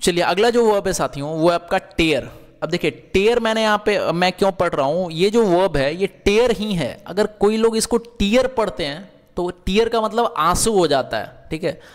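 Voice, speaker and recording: A man's voice: sits high, lively intonation, normal speed, long reverb tail. A man teaching English verbs in Hindi, asking questions and answering them himself, with frequent checks that the class is following.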